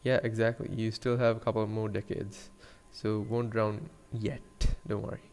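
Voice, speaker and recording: Young guy from sri lanka rambling to his stream chat, low gravelly voice, bit of long reverb. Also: level tone, moderate pace, darkish tone. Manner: rambling, joking with chat viewers. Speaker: 3D designer streaming. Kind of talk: casual live-stream chat while modeling.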